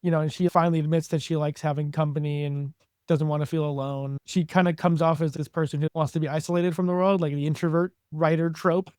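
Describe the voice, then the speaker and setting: A man's voice: fairly high pitch, flat delivery, fast talker, a little mellow, clean tone, dry recording, clean studio sound. A man co-hosting a podcast, chatting casually with lots of fillers. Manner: chatty, filler-heavy with frequent "like". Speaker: podcast co-host. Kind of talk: casual chat.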